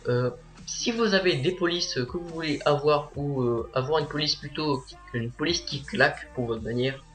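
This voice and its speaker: A teenage boy narrating a software tutorial as a voice-over, hesitant and full of filler sounds. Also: fairly high pitch, moderate pace, soft background music. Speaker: tutorial maker.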